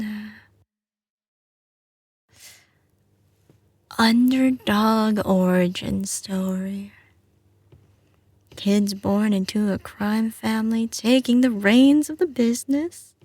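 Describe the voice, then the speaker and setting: Playful and fond, a woman with a medium-pitched, darkish voice portrays a confident, doting mafia heiress girlfriend in intimate ASMR roleplay. A slight Southern US drawl colors her tender, assured, frequently whispered lines, captured at studio quality with no echo.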